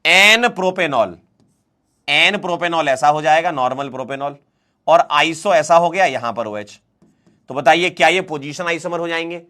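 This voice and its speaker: Man, chemistry teacher, higher-pitched, playful, coaxing, lively lecture. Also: moderate pace. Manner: lively, playful, coaxing students through questions. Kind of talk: online class lecture.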